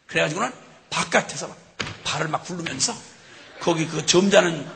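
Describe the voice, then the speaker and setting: A man preaching a sermon as a missionary, telling the story in an animated way and acting out scenes with chuckles. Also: fairly high pitch, a little fast, vocal fry. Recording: long hall reverb.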